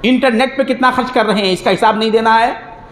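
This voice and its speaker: High-voiced preacher in an echoey hall. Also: male voice, fairly even intonation, quick pace, fairly bright tone. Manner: exhorting with rhetorical questions. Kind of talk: religious sermon. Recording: echoey hall with faint noise.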